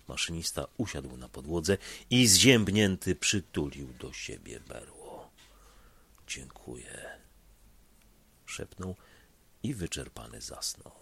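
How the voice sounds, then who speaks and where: A man narrates a tense story in a deep, gravelly voice that climbs and dips widely. His tone is husky, and the recording is close and dry, with no room sound. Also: dry recording. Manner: expressive, shifts between loud and hushed delivery. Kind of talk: dramatic story reading.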